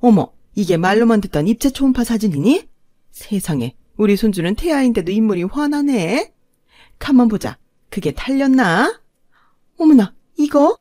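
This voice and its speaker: A woman voicing an older, quick-tempered mother-in-law who shouts shrilly and gushes loudly in turn, in a dry recording. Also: on the high side, sing-song, dry recording. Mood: gushing.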